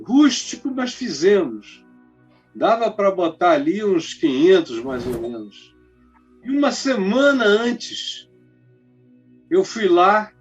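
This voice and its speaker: A man's voice: on the high side, darkish tone, husky. A man preaching in an emphatic, colloquial storytelling style. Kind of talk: storytelling sermon. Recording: dull lo-fi recording, faint music.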